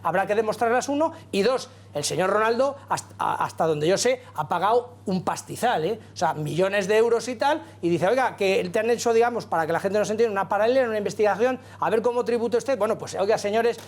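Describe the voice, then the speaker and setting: Fast, high-voiced Spanish man debating. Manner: talkative, colloquial, rhetorical asides. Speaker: political talk show panelist. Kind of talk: heated TV debate. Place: TV studio.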